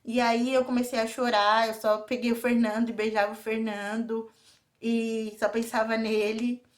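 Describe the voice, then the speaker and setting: A young woman with a Brazilian Portuguese accent tells a personal story straight to her viewers in a confiding, intimate vlog. Her voice sits a little high, and she keeps pulling the audience in as she talks. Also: level tone, moderate pace. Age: young adult. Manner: confiding, often addresses viewers directly. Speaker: vlogger.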